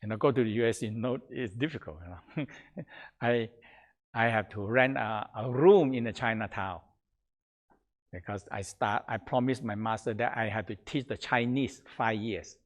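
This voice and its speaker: A man leading a Taoist breathing exercise and teaching, calm and repetitive, often trailing off softly at the ends of phrases. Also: mid-range voice. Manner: slow, calm, repetitive, chanting phrases in a dropping soft voice. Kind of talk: guided breathing exercise instruction.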